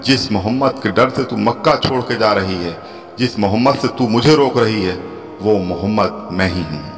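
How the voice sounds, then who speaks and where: A man voicing a gentle, humble young man who speaks softly and slowly to an elderly woman. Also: fairly low pitch, natural voice. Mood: tearful. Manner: soft, slow and tender. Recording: long hall reverb with soft music.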